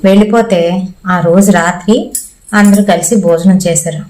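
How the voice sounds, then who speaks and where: This horror story narrator, a woman with a Telugu accent, recounts a ghost tale conversationally and acts out the characters' lines herself. Her lowish, slightly mellow voice stays fairly even and a bit slow, and the recording quality is rough.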